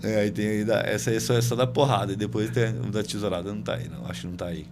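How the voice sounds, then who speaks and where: A man's voice: fairly low pitch, steady tone, racing, music in the background. A man hosting a podcast, telling a family story casually with many fillers and acting out the dialogue, recorded in a home studio. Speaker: podcast host.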